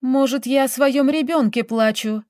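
A woman's voice: high voice, moderate pace, a little mellow, no room sound, clean studio sound, pitched above the performer's own voice, lightly acted. A woman voicing an emotional, defiant young countess, bitter and plaintive in an audiobook. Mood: bewildered.

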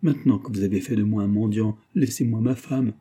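Guy voicing a desperate broke knight begging, low husky voice, anguished. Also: fairly quick, mellow. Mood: pleading. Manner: pleading, anguished. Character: ruined male gambler knight, desperate.

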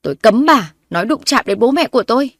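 A woman's voice: mid-range voice, a little fast, no echo, studio quality, close to an everyday voice. A woman narrator voicing a wronged young wife who confronts her in-laws sharply and defiantly. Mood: accusing.

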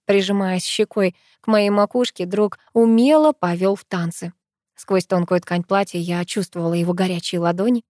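A woman narrates a story in the first person with lively, expressive delivery. Her voice sits in a middle range, recorded dry and close with no room sound. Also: medium pitch, normal speed, no room sound. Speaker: audiobook narrator.

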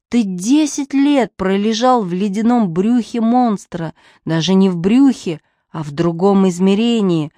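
A woman voicing a flustered male police inspector who sighs and frets, low and slow. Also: no echo, clean studio sound. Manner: fussy, overwhelmed, sighing.

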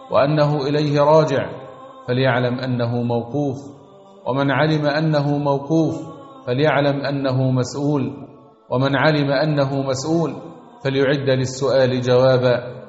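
A man's voice: medium pitch, fairly even intonation, moderate pace, a little mellow. A man preaching a sermon, exhorting his listeners with earnest, rhythmic repetition. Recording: echoey long reverb, dull sound, faint music.

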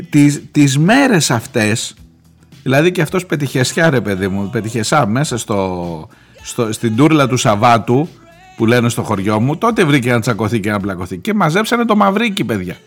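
A man's voice: medium pitch, very animated, breathy edge, faint music behind. A man hosting a radio show, telling a news story in a chatty, joking way. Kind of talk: casual current-affairs commentary.

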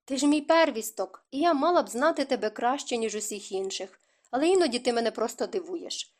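A woman's voice: a little high, expressive, fairly quick. A doting society matron with a busy mind for matchmaking, fond and lightly scolding, as a woman reading an audiobook puts her on. Her talk lifts playfully in a storybook reading. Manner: fond, teasing and gently scolding. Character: warm, scheming society mother of grown children.

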